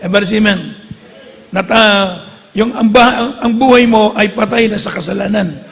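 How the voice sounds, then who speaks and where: A woman's voice: medium pitch, moderate pace, a little hiss or hum. A middle-aged woman preaching a fervent sermon in a church, calling again and again for amens and applause and mixing English scripture lines into her words. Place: church hall. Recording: long echo of a church hall.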